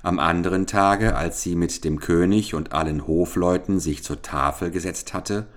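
A man reading a classic fairy tale aloud for children in a measured, expressive way. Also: sits low. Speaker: storyteller.

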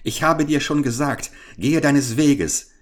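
A man's voice: fairly low pitch, lively intonation, slow pace, exaggerated voice. A man voicing an angry middle-aged market woman who scolds and shoos someone away, in a storybook reading. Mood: angry scolding. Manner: scolding, indignant.

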